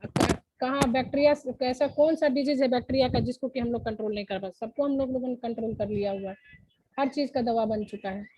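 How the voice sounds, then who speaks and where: This online-class teacher speaks a little fast in a fairly high, warm voice with fairly even intonation. She breaks the lesson into steps and keeps asking if the students understand, all on a low-quality recording.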